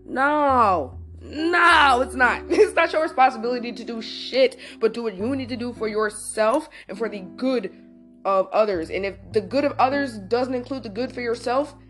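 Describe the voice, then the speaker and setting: A woman's voice: on the high side, normal speed, soft background music. A young adult woman hosting, telling a personal story in a casual, emphatic way and speaking straight to her listeners. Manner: animated, emphatic, addresses listeners directly, swears. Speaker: host.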